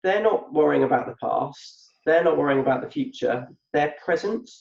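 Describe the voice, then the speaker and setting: Here a podcast co-host, an adult man with a former business, talks in a gravelly, slightly high voice that is animated and moderately paced. He thinks aloud while explaining, reflective and conversational, often repeating words. The recording has a muffled, echoey room sound.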